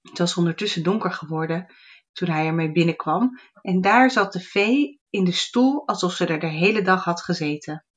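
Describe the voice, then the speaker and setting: A woman recommending a children's fairy tale and reading an excerpt aloud in a lively storytelling manner. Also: fairly low pitch, moderate pace. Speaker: book reviewer.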